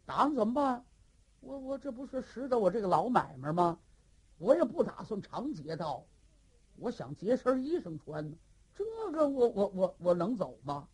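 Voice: medium pitch, sing-song, normal speed, a little mellow, slightly rough. A storyteller playing a sheepish rambling bandit. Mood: pleading. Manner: rambling, self-pitying. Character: sheepish male bandit, boastful yet embarrassed. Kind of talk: traditional storytelling.

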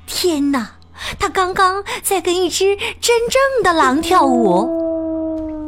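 A woman teacher reading a children's picture book aloud, expressive and sing-song with plenty of exclamations. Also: extremely high pitch. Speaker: storyteller teacher.

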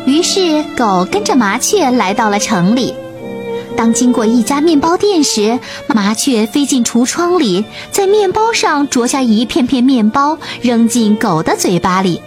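Woman storyteller, high pitch, expressive children's narration over faint music. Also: measured pace. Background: soft music.

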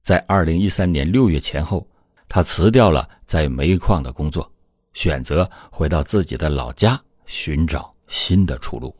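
A man's voice: extremely low pitch, lively intonation, normal speed, darkish tone, no room sound, clean studio sound. A man narrating a true-crime story in a scripted, dramatic storytelling delivery.

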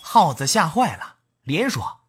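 A storyteller narrating a folk tale about a cat and a mouse, in a lively telling voice. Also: a little slow, noisy background. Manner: lively storytelling with wide pitch swings.

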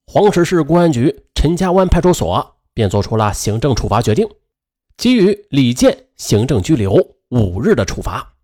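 A male storyteller narrates a family crime drama, his pitch swinging widely as he builds suspense. He speaks at a middling pitch and stretches his filler particles to draw the listener in. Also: very animated, moderate pace, mellow.

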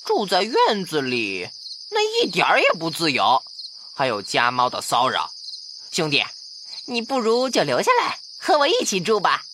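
A woman's voice: lowish voice, huge pitch swings, normal speed, fairly bright tone, slight background noise. A woman voicing a big, easygoing male field mouse in a children's audio fairy tale, self-assured, chummy and swaggering. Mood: coaxing.

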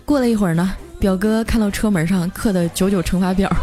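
A woman hosting a comic storytelling show in a chatty, lively manner. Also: mid-range voice, music in the background. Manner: lively, chatty, drawn-out particles. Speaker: radio story host.

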